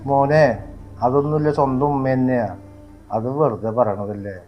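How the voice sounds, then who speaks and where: A man playing a gentle, reassuring father. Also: medium pitch, moderate pace, highs cut off, soft background music, close to an everyday voice. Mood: soothing. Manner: soothing, reassuring. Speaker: father in a family skit. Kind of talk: amateur family short film acting.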